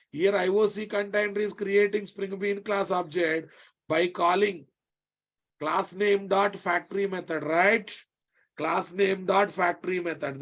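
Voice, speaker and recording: A man with a Telugu Indian accent teaching a live technical class, emphatically repeating phrases and often checking that students follow. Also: high voice. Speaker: programming instructor.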